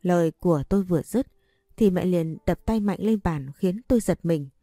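A woman narrating a sad first-person story in a steady, sorrowful way. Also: on the low side, moderate pace, no room sound, clean studio sound, faint music behind.

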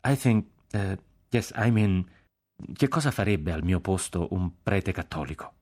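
A man's voice: low-pitched, lively intonation, darkish tone. A man reading aloud and voicing a flustered American army chaplain who halts and slips into English. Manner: halting, mixes English into his Italian.

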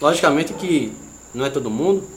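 Male comic co-host, high pitch, slangy storyteller, roomy mic. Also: brisk. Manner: slangy, animated storyteller, gets loud and laughing at the climax. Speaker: podcast co-host. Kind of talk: comedic storytelling chat. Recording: echoey room with faint noise.

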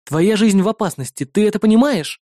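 A woman's voice: mid-range voice, expressive, brisk, warm tone, no echo, clean studio sound, natural voice. A woman voicing a cold, commanding young male bodyguard in an audiobook. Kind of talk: audiobook character voice.

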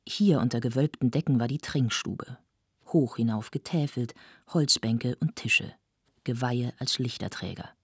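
A woman narrating a novel as an audiobook reader, with an even storytelling delivery. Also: extremely low pitch, unhurried, breathy edge, no room sound, studio quality.

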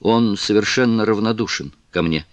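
A man's voice: on the low side, no room sound, natural voice. A man reading a pleading young noblewoman. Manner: soft, halting pleas. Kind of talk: audiobook character reading.

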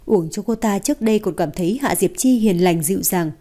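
A woman narrating a romance novel in an even, steady storytelling voice. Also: medium pitch, a little fast.

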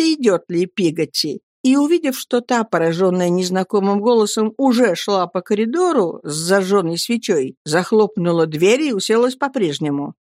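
A woman narrating a classic novel as an audiobook, in a measured storytelling manner. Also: mid-range voice, no room sound, clean studio sound. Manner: measured storytelling with animated intonation. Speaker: audiobook reader.

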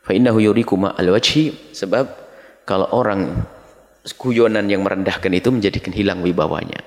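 A man's voice: low voice, fairly quick, darkish tone. A middle-aged man preaching a dawn sermon, reading Arabic phrases and explaining them to his listeners as his children. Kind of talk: dawn sermon teaching from a text. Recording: long reverb of a large hall.

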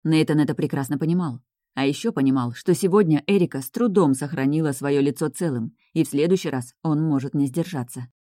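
A woman narrates a novel in a steady, even read. Her voice is low and mellow. The recording is dry and close. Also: brisk, no room sound. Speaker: audiobook narrator. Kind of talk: scripted narration.

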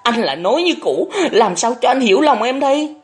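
A man voicing a shrill, indignant young woman. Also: lively intonation, a little fast, faint music behind, natural voice. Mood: desperate. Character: young woman pleading in anger.

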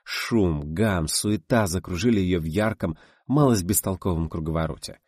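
A man's voice: sits low, normal speed, a little mellow, slightly rough, no echo, clean studio sound. A man narrating an audiobook, reading expressively and voicing the characters.

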